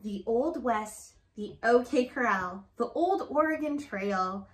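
A woman in her thirties reads a picture book aloud to children in a living room, sing-song and encouraging. Her voice is on the high side with lively intonation and a slow pace, and the home recording sounds roomy and echoey.

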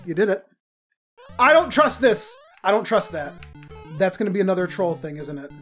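A man doing casual gameplay commentary with a friend, teasing and excitable, yelping loudly when things go wrong. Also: high voice, moderate pace, soft background music. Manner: excitable, teasing, loud yelps at setbacks. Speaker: let's play host.

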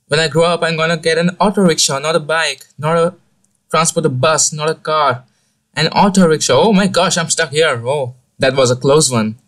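A young man commentating his mobile game play, excitable and jokey, with many exclamations. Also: a little high. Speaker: gaming channel host.

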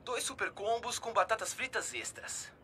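An actor playing a rowdy, mocking teenage drive-thru customer in a cartoon dub, heard through an order speaker. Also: male voice, high voice, sing-song, moderate pace, bright, forceful tone, a little hiss or hum, heavily acted. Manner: jeering, snickering. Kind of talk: animated series dub acting.

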